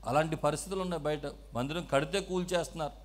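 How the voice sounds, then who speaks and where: A male pastor giving a call-and-response sermon, moving between quiet explaining and loud shouted preaching as he has the congregation repeat his words. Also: on the high side, fairly even intonation, rapid-fire. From South India.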